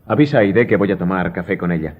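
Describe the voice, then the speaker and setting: A man playing a mysterious, wealthy count in a radio drama, husky-voiced, measured and self-assured. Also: sits low, lively intonation, phone-quality sound. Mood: composed, enigmatic. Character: mysterious, wealthy count, composed, cryptic and commanding. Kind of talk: Spanish-language radio drama acting.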